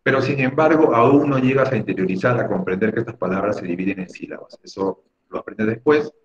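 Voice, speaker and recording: A man's voice: medium pitch, a little fast, a little hiss or hum. A man teaching an online class, explaining patiently and often checking in with "¿no?". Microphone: video call microphone. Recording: dull lo-fi video call audio.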